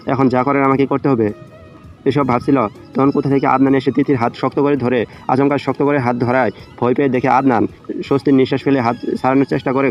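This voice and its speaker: A man narrating a dramatic romantic story as an audio storyteller. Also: mid-range voice. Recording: dull lo-fi audio under music. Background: background music.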